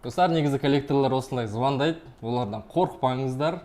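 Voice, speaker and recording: A man's voice: mid-range voice, fast. A man from Kazakhstan speaking as a lawyer and advice host, explaining things in a polite, matter-of-fact way. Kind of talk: explanatory talk and calm negotiation.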